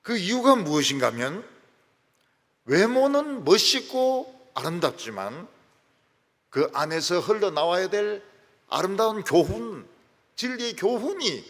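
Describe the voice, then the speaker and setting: A man preaching in a church sanctuary, his voice gravelly and pitched a little high. He swings between loud, stressed peaks and hushed drops, and a long reverb from the big hall trails every phrase. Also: sing-song, unhurried, long pauses. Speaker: pastor. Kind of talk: sermon.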